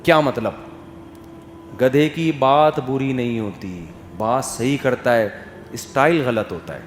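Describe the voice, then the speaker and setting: A man giving an Islamic sermon, swinging from emphatic questions to soft, quiet asides. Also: medium pitch, a little hiss or hum. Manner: animated, rises to emphatic questions, drops to soft quotes. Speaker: Islamic scholar giving a talk. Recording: echoey hall with faint ambience.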